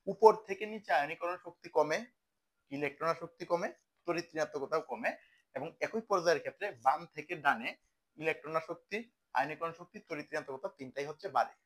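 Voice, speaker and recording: A man's voice: fairly high pitch, fairly bright tone. Young male tutor quizzing himself aloud. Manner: conversational, asks questions and answers them himself. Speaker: chemistry tutor. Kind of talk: casual online lesson.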